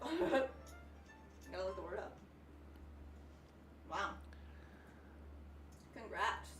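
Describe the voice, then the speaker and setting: A woman's voice: medium pitch, very animated, extremely slow, fairly bright tone, soft background music. A woman co-hosting a live stream from a pottery studio, upbeat, planning the day's work aloud. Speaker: livestream co-host and potter. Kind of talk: casual chat. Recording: distant, echoey studio with background noise.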